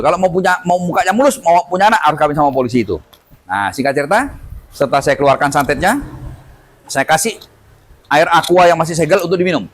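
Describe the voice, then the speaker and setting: Quick, fairly high-voiced middle-aged male healer, animated storyteller. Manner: animated storyteller acting out dialogue. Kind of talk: storytelling testimony.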